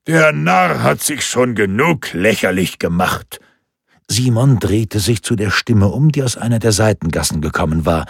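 A man's voice: lowish voice, darkish tone, breathy edge, no room sound, clean studio sound. A man reading a historical novel aloud as audiobook narrator. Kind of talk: scripted narration.

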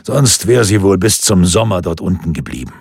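A burly, calm executioner with a low, gravelly voice, as a male narrator puts him on. He speaks slowly and drily in a storybook reading. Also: no room sound, clean studio sound, full character voice. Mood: calm gruff.

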